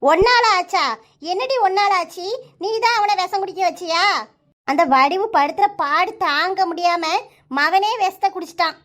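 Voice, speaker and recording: A voice actor playing a scolding village mother in a cartoon, speaking with a Kanyakumari Tamil accent in a sharp, threatening manner. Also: moderate pace. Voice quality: high, pitched-up cartoon voice. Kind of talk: cartoon voice acting.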